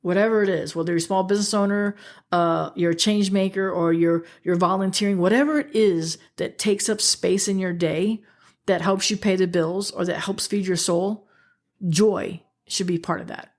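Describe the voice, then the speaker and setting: A woman in her sixties delivers a motivational podcast monologue at an ordinary middle pitch. She talks earnestly and warmly to listeners as friends and drives points home by repeating them. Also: steady tone, moderate pace. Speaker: podcast host.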